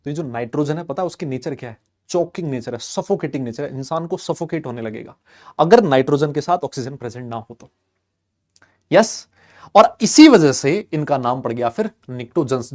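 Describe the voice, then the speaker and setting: A man teaching a chemistry class, chatty and lively, quizzing and teasing his students and mixing English terms into his talk. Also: a little high. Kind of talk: classroom lecture.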